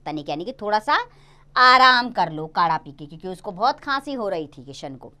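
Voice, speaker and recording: Bright-voiced woman teacher reading to children. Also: medium pitch, expressive, normal speed. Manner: explaining to children. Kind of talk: reading a lesson aloud with explanations.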